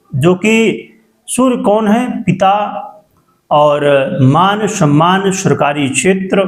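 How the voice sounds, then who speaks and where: A man presenting a horoscope as an astrologer, speaking formally and deliberately in phrases to his viewers, his voice carrying an echo. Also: sits high. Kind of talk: explanatory talk addressed to viewers. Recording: echoing voice, as in a cave.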